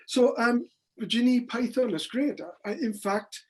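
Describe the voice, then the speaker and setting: Halting woman interviewer, slightly high voice. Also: expressive. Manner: halting, many restarts. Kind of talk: casual interview.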